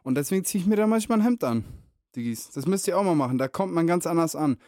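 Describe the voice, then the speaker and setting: Junger Mann, Podcast-Host, derb und salopp, trocken aufgenommen. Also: male voice, fairly high pitch, expressive, quick pace, a little mellow, no echo, studio quality. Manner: slangy, crude, joking. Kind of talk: casual chat.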